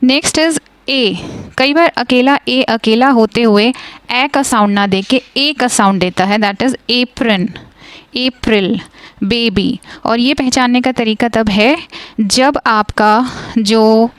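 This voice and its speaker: A woman teaches phonics, moving between quick explanations and slow, drawn-out example words. Her voice is smooth and clear and sits slightly high. The sound is dry and close, with no room around it. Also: no room sound. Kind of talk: explaining a lesson, mixing Hindi and English.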